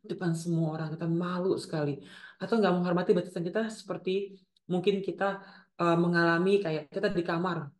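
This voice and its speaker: A woman's voice: lowish voice, steady tone, brisk, roomy sound. A woman teaching at a women's ministry gathering, earnest and repeating key phrases for emphasis. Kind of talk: teaching talk at a church event.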